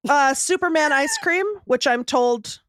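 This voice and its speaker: A woman's voice: high-pitched, measured pace, a bit bright, no room sound, studio quality. A woman co-hosting a casual podcast livestream, reading out items in a matter-of-fact way. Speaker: podcast co-host.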